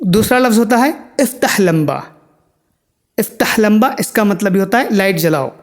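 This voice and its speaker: A man teaching Arabic words in a language lesson, saying each one slowly and repeating it. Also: high-pitched, lively intonation. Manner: drills words by slow repetition.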